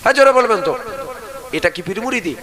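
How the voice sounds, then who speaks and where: A man's voice: high voice, expressive, fast talker, poor audio. A man preaching a sermon. He urges the crowd to answer him aloud and leads them in chanted prayers.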